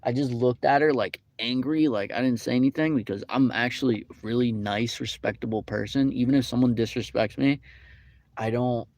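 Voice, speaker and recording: A young man in a casual rant, rambling and indignant, full of fillers. His voice sits at an ordinary middle pitch, and the sound is dry and close with little room echo. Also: brisk, a little mellow. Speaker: vlogger. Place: fast-food restaurant.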